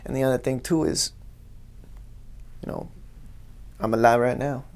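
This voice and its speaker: A man with a laid-back stoner drawl and a gravelly, husky voice, chatting casually and deadpan as a guest. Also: mid-range voice, unhurried. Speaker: podcast guest.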